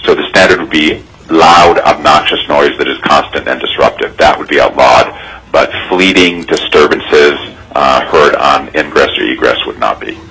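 A man giving formal legal testimony in a measured, legalistic manner. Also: rumbling low, pushed and bright, rough recording. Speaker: witness testifying.

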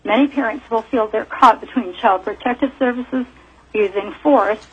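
A woman's voice: fairly high pitch, normal speed, husky. A woman in her fifties giving formal testimony as a teacher and parent, heard over a phone line in a hearing room, earnest and reading prepared points.

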